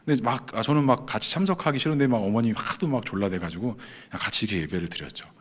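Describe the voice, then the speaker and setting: A man preaching from the pulpit in a low, husky voice with a lively, swinging delivery. He tells a personal testimony as a sermon and acts out his own past prayers and inner thoughts along the way. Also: fast. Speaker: pastor.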